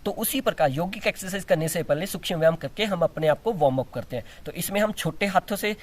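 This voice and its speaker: A man's voice: sits high, lively intonation, fast talker. A man teaching yoga and breathing exercises, explaining step by step with frequent restarts and demonstrating as he talks. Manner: demonstrates exercises while talking. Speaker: yoga instructor. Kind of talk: instructional demonstration.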